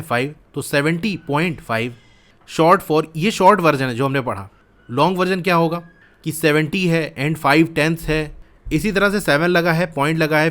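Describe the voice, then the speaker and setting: Man teaching maths, slightly high voice. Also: fairly bright tone. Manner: explains step by step, asks questions and answers them himself. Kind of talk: explaining a school maths lesson.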